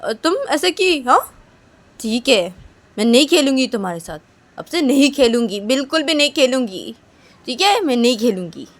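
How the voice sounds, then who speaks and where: A woman voicing an irritated young mother who scolds in a raised, petulant voice, much higher than her own narrating voice. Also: sing-song, moderate pace. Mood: sulky scolding.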